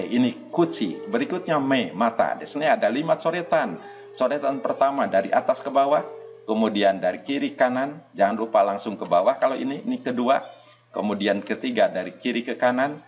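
A man teaching a Japanese kanji lesson. He speaks patiently, repeats small checks and gives a soft laugh now and then. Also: lowish voice. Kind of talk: online language lesson.

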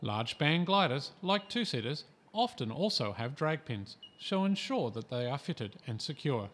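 An Australian man with a medium-pitched voice narrates a scripted training voice-over, calm, measured and instructive in tone.

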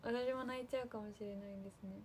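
A woman chatting on a livestream to her fans, casually thanking viewers one by one in a soft, friendly way. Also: a little high, steady tone, racing, a little hiss or hum. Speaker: idol livestream host.

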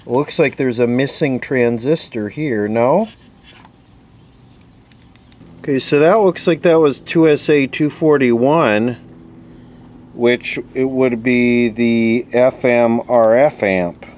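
Steady background noise sits behind a man fixing vintage electronics on camera. His mid-range voice takes things slowly as he mutters and thinks aloud, giving loose, off-the-cuff repair remarks.

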